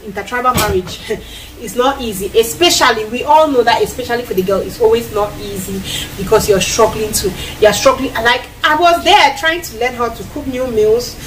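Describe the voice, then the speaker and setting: This vlogger, in her thirties with a Cameroonian accent, has a voice on the high side and speaks at a moderate pace as she chats to camera and cooks in a small tiled kitchen. She's animated, gesturing freely and acting out quotes. The audio is low-quality and distant, from a camera a few feet off, with slight background noise.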